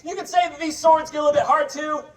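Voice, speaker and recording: Speaking quickly in a high, steady voice, a sword swallower works a festival audience with humorous stage patter and a showman's wry jokes addressed to onlookers. The sound is roomy, captured from a distance amid crowd noise.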